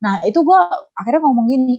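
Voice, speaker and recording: A woman's voice: high-pitched, fast talker. Young woman telling a story animatedly. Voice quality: animated, acts out both sides of phone calls, slangy. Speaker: podcast guest, debt collector. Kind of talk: casual storytelling chat. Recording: dull lo-fi podcast audio.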